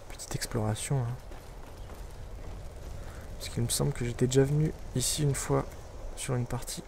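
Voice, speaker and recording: A man with a gravelly, creaky voice talks his way through a video game in a loose, wry running commentary. He mutters little asides to himself as he plays, over a noticeably noisy background. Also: mid-range voice, steady tone, normal speed, dark tone. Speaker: let's play gamer. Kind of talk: casual gameplay commentary.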